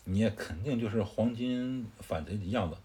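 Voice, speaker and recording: A man's voice: on the low side, moderate pace, warm tone, slight background noise, lightly acted. A man voicing a hot-tempered young male warlord, speaking in an indignant, commanding way. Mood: scornful.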